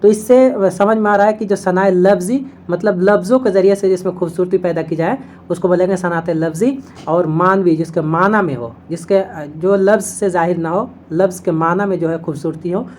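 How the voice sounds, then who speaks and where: A woman teaching an exam-prep video lesson, explaining each point step by step, checking in with listeners often and reciting couplets slowly. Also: fairly low pitch, fairly even intonation, darkish tone, slight background noise.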